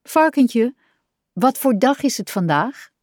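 A woman voicing a small male frog who is curious and quick to get upset, asking eager, wondering questions. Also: on the high side, sing-song, a little mellow, no echo, clean studio sound.

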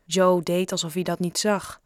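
A woman reading a children's novel aloud with clear, steady storytelling narration. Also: on the low side, moderate pace, no echo, clean studio sound. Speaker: audiobook narrator. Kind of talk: scripted narration.

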